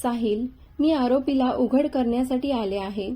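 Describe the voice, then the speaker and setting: A woman voicing a quiet, grieving blind elder sister in a spoken story, soft and tearful. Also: high-pitched, normal speed.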